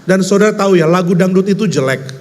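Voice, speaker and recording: A man from Indonesia preaching a conversational sermon, telling stories in a lively, wry, emphatic way. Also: sits high, quick pace. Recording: long hall reverb.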